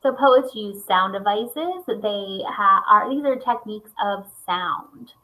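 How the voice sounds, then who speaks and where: A woman's voice: medium pitch, lively intonation, takes it slowly, sharp tone, poor audio. Patient woman teaching a lesson. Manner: patient, explains step by step, reads examples aloud. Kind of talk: recorded classroom lesson.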